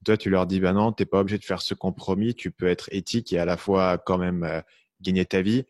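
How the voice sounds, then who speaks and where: Very deep-voiced man, mixed French accent. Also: fairly even intonation, a little fast, a little mellow, no echo, studio quality. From France. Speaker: podcast host. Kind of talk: casual interview chat.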